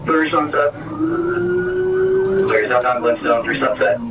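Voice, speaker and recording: Cop on the police radio, short clipped callouts, far off mic with loads of hiss. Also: male voice, mid-range voice, unhurried, highs cut off. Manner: terse clipped radio call-outs. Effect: heard over a police radio. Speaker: police officer calling out a pursuit. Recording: distant, very noisy radio transmission.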